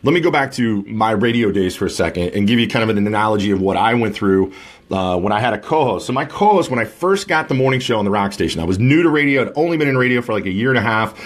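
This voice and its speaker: A man's voice: lowish voice, lively intonation, fast talker. A man in his forties hosting a casual live show and podcast, talking in a chatty, rambling, jokey way. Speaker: podcast and Facebook Live host. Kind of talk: casual chat.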